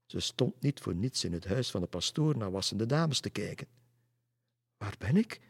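A man reading a storybook aloud in a calm, even manner. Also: on the low side, normal speed, vocal fry, slightly rough. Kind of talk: storybook narration.

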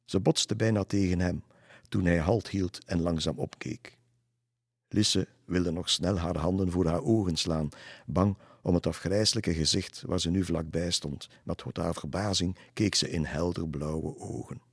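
Deep-voiced male storyteller. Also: unhurried, gravelly, breathy edge, no echo, studio quality. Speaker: narrator. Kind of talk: storybook narration.

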